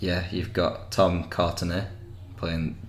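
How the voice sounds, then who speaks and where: A man's voice: low voice, little pitch movement, slow pace. A young man with a West Yorkshire accent, co-hosting a podcast in casual chat, swearing freely and laughing often. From West Yorkshire, England. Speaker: podcast co-host. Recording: echoey room with faint noise.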